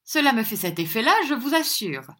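A woman reading a story aloud, voicing a flippant young gentleman who gossips quickly. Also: a little high, big pitch swings, pitched above the performer's own voice.

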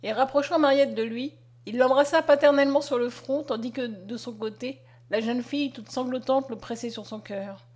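A woman reads a classic story aloud, steady and measured. Her voice sits a little higher than most women's, and her pace is even. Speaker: audiobook reader. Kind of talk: storytelling narration.

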